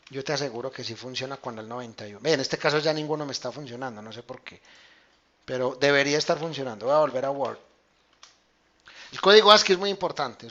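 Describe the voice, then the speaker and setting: Casual math teacher, bright voice. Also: male voice, a little high, highs cut off. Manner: casual, explains step by step, checks in with students. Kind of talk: online class lecture with screen demonstration.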